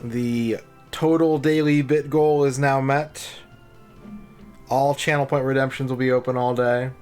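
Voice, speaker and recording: A man's voice: mid-range voice, steady tone, unhurried, a little mellow, faint music behind. A man streaming on a headset mic, chatting casually and greeting and thanking viewers one by one. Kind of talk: casual livestream chat.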